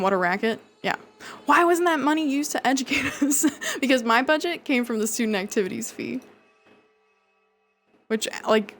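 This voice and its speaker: A woman's voice: medium pitch, a little hiss or hum. A woman live streamer chatting casually and jokingly with her chat while she plays a video game, swearing freely.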